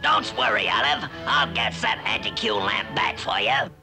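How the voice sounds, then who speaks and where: Gravelly cartoon sailor Popeye. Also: male voice, medium pitch, huge pitch swings, normal speed, over music, full character voice. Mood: reassuring. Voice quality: gravelly, muttering. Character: gruff, good-hearted, plucky male cartoon sailor. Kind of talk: vintage cartoon voice acting.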